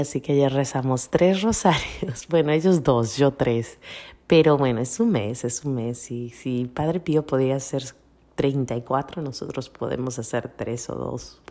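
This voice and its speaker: Earnest woman, very low dark voice. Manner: earnest, emotional, restarts often. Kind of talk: casual devotional vlog talk.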